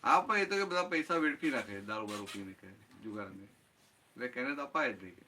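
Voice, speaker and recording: A man's voice: medium pitch, lively intonation, fairly quick, sharp tone, slight background noise. A man giving a satsang talk as spiritual teacher, explaining with everyday examples and often checking that listeners follow. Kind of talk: satsang talk answering a question.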